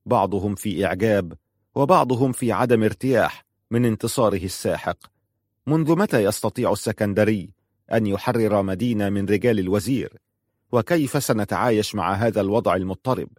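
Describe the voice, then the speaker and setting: Male audiobook narrator, low voice, measured, dry close sound. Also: darkish tone, no echo. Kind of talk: scripted narration.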